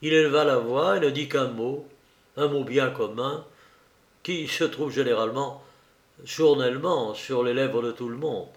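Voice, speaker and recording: A man reads a novel aloud at a slow, measured pace, with dramatic pauses. His voice sits in the middle range. The room around him is echoey. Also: medium pitch. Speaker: audiobook reader. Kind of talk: novel reading.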